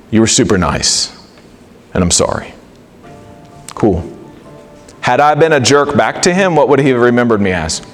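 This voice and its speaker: A middle-aged man giving an animated, conversational talk to a live audience, acting out quoted dialogue. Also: medium pitch. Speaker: speaker.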